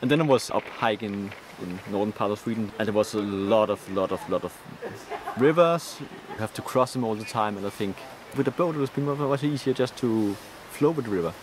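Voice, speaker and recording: A man's voice: lowish voice, fairly quick, background noise. A man who packrafts, interviewed for a documentary, speaking earnestly and searching for his words.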